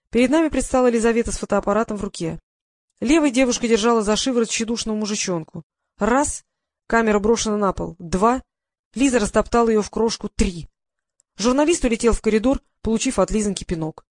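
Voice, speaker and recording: A woman's voice: a little high, fairly quick, darkish tone, no room sound, clean studio sound. A woman reading a novel aloud in a wry first-person storytelling manner. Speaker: audiobook narrator. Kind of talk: scripted narration.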